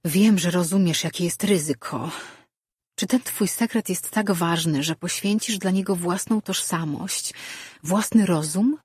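A woman voicing a calm elder dreamweaver woman whose steady voice hides fear. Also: fairly low pitch, a little slow, breathy edge, dry recording, studio quality. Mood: concerned. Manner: steady, with held-back fear.

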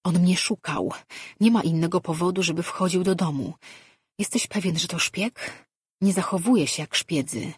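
An audiobook narrator voicing a wary, quick-witted young priestess who asks pointed questions. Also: female voice, fairly low pitch, slightly rough, no echo, studio quality. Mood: urgent.

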